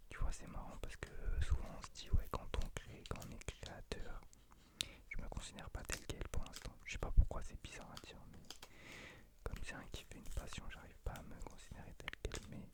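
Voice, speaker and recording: Male, late 20s. Whispered role-play in hushed library whisper, ASMR host, self-deprecating and confiding. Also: brisk. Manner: soft unvoiced whispering; hesitant, self-deprecating, intimate address to the listener.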